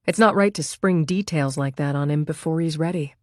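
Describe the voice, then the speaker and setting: A woman reading a thriller audiobook as its narrator, in calm, measured scripted narration. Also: deep voice, no echo, clean studio sound.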